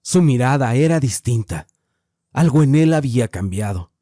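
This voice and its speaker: A man giving a calm, measured scripted horror narration. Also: mid-range voice, dry recording, studio quality.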